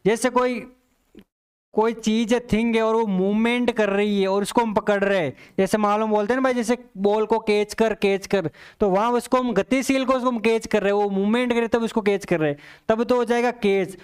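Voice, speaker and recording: A man's voice: high voice, fairly even intonation, clear, resonant tone. A man teaching English for competitive exams, explaining answers step by step and repeating key points to his students. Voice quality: reads English example sentences slowly and deliberately. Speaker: English teacher for exam prep. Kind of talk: exam-prep lesson explaining answers.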